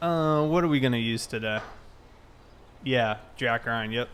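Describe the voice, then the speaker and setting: This live-stream host plays a casual game while musing aloud and chatting informally with his viewers, picking up on chat messages. He has a mid-range, fairly bright voice and speaks a little slowly. Slight background noise can be heard.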